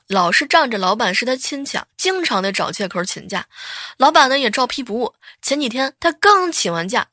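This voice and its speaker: A woman telling a string of comic everyday anecdotes, lively and acting out the quoted lines. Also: no room sound, clean studio sound. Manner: lively, acts out quoted lines with big pitch jumps. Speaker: joke storyteller.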